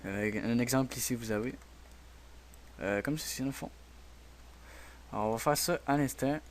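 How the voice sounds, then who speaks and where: Man, Québécois French accent, soft-spoken, hesitant, step-by-step screen tutorial. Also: mid-range voice, normal speed, a little hiss or hum. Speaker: tutorial host. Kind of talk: screen-recorded software tutorial.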